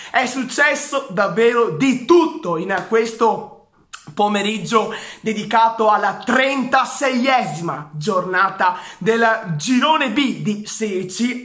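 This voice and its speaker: A young man delivers an excited football recap in a high, bright voice. He stresses his words and repeats key phrases for drama, taking his time over them. The room around him adds an audible echo. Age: 20s. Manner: emphatic, repeats phrases for effect. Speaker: football commentator. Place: living room with bookshelves, indoors. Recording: roomy indoor echo.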